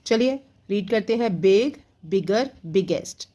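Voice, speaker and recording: Her medium-pitched voice is mellow, expressive and unhurried as she takes children through exam-prep grammar. She patiently works step by step in Hindi mixed with English, frequently asking a question and answering it on her own.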